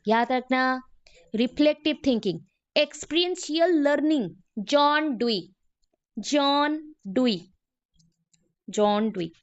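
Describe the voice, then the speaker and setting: Woman teacher, high voice, lecturing a class, dull lo-fi recording, repeats names to drill them. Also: darkish tone.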